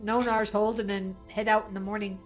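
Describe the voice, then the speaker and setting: A woman's voice: mid-range voice, level tone, brisk, soft background music, low-quality recording. A woman talking casually as a player in a tabletop game. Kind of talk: casual chat.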